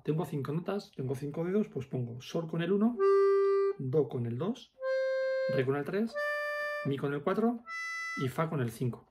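A man's voice: a little high, warm tone. A man teaching accordion step by step, patiently explaining fingering and counting the beats aloud. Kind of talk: step-by-step music lesson.

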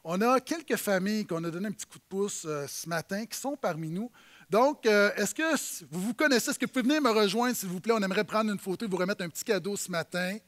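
A man with a Québécois accent, a church leader speaking to a congregation in a halting, warm way with many fillers. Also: sits high, animated. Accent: Québécois French.

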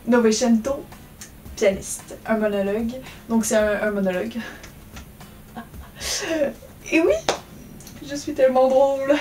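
Young woman, english accent, kinda high voice, chatty book vlog, bit far from the mic w/ soft music under. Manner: chatty, self-mocking, with fillers. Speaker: book vlogger. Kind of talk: casual book tag chat. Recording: from the mic, faint music behind. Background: faint background music.

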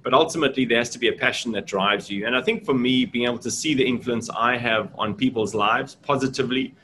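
A middle-aged South African deputy principal speaks earnestly and reflectively in a casual video-call interview from a small indoor room, using lots of fillers. His mid-range voice sounds pushed and bright through the webcam, with slight background noise.

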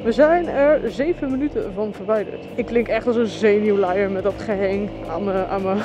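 A woman motovlogging while riding through city traffic, chatty and excitable, talking to her viewers. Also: medium pitch, normal speed. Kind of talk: casual chat while riding. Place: outdoors in city traffic on a scooter. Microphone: helmet mic. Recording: dull lo-fi helmet audio with music. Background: music.

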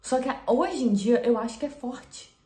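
A woman's voice: sits high, lively intonation, normal speed, warm tone, reverberant. A woman, hosting a reaction video in a chatty, slangy way. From Brazil. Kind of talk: casual vlog chat.

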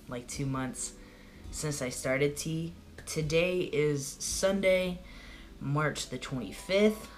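A young adult vlogger chats casually into a camera held close in front of him, recording a video diary in his small bedroom at home. His mid-range voice cracks and goes hoarse easily as he rambles on with plenty of "like" fillers, and there's slight background noise.

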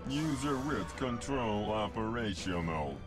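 A cold, halting computer system from a cartoon game. It is fairly low and very slow, like an official announcement. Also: male voice, lively intonation, over loud music.

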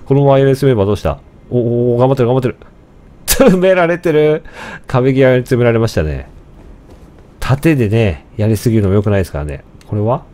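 A young man casually commenting on his own gameplay, chatting to himself with sudden excited outbursts. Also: mid-range voice, a little fast. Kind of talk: casual let's-play commentary.

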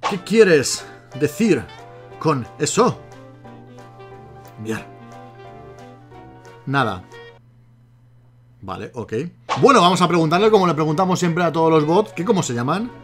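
A man with a Spain Spanish accent and a slightly high voice, talking casually and cheerfully through a chat with a bot. He laughs easily and often. Faint music plays underneath. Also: animated, a little fast, a bit bright. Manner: chatty and giggly, often bursting into laughter. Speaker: YouTuber. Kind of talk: casual commentary while chatting with a bot.

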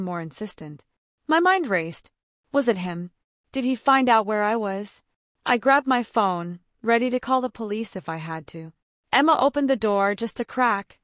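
A woman's voice: mid-range voice, dry recording, clean studio sound. A woman narrating a tense, dramatic first-person story.

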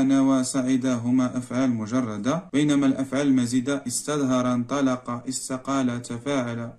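A man with a Moroccan accent, teaching a grammar lesson and working through exercises step by step, often repeating single words slowly to stress them. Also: medium pitch, dark tone. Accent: Moroccan Arabic. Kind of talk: classroom lesson walkthrough.

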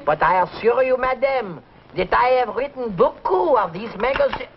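An actor playing a phony professor on the phone, putting on a French accent and fawning haltingly in 1950s sitcom style. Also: male voice, very high-pitched, expressive, voice pushed up. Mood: ingratiating. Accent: put-on French. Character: phony bookish professor with a fake French air. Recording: dull 1950s TV audio with studio audience.

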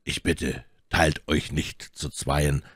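A cool-headed musketeer speaks in a quiet, level, almost indifferent tone, as a male reader puts him on. The voice sits very low and deep, recorded dry and close. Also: level tone, takes it slowly, slightly rough, dry recording, exaggerated voice. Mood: calm, indifferent. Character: calm, cool-headed musketeer, grown man.

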